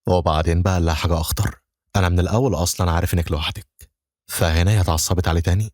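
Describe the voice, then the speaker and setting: A man with an Egyptian Arabic accent narrating a movie recap in a rushed storytelling manner. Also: low-pitched, darkish tone.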